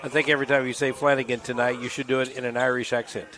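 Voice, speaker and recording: Bright-voiced man doing color commentary. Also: medium pitch, flat delivery, racing, poor audio. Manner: chatty, folksy asides.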